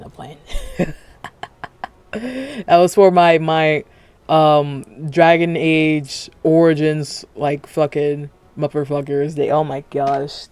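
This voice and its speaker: Late at night, with dental retainers in, a man streams casual reaction commentary, rambling, swearing and interrupting himself. His voice is a little high with a darkish tone.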